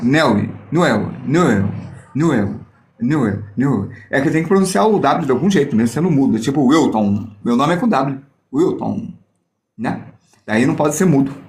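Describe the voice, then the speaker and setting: A slightly high, darkish male voice comes through with a little background noise. He's running a live online art lesson on drawing reflections, walking through it step by step with a mirror and joking playfully with viewers as he goes.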